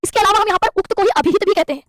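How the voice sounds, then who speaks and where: A woman delivers an exam-prep grammar lecture in a very high voice at a racing pace. She explains step by step and keeps asking and answering her own questions. The sound is dry and close-miked. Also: very fast, no echo. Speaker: Sanskrit grammar teacher. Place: classroom with a board.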